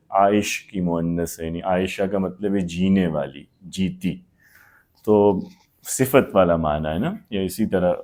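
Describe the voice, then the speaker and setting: A man's voice: low voice, a little mellow. A man teaching Arabic grammar in a live online class, patiently explaining with many examples.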